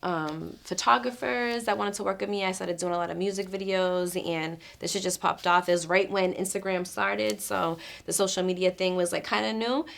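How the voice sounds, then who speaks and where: A woman's voice: medium pitch, steady tone, normal speed, gravelly, few pauses, a bit bright. A young woman from Boston talks as a guest in a casual sit-down interview. Her speech is loose and chatty, and she strings her thoughts together with plenty of fillers.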